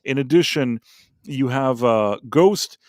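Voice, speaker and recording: A man in a casual pop culture chat, talking bluntly and rambling through his opinions with lots of restarts. His voice sits at an ordinary middle pitch. It is recorded close and dry, with no room sound. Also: expressive, slow pace, dry recording. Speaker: podcast co-host.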